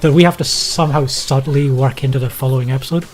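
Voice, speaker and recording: A young man co-hosting a podcast from a small home studio explains things in casual chat, hesitant and full of ums and likes. His voice is medium-pitched and darkish with a steady tone at a fast pace, with faint music behind.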